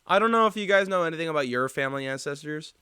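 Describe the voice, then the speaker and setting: A man's voice: on the high side, lively intonation, racing, bright, forceful tone, clean tone. A man hosting a casual podcast, rambling and teasing his co-hosts. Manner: rambling, many "like"s and restarts, teasing. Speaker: podcast host.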